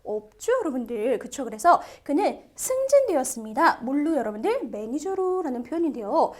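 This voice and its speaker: A woman teaching a TOEIC listening lesson on video, lively and constantly asking her students questions. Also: high voice, moderate pace. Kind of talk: video lecture.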